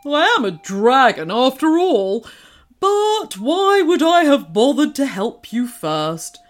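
Lady doing a big friendly dragon, teasing and loud, slow and swoopy, bit of music under it. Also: high-pitched, big pitch swings, pitched above the performer's own voice, heavily acted.

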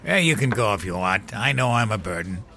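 A man's voice: on the low side, lively intonation, brisk, gravelly, sharp tone, a little hiss or hum, full character voice. An actor playing a bitter old grandfather, a former comedian, telling his story in an audio drama with a weary manner. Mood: gruff. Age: older.

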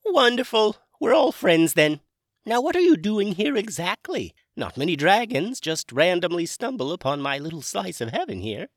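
A man voicing a genial, eccentric old dragon wizard with a high, airy, chatty voice. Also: very animated, normal speed, no room sound, clean studio sound, full character voice.

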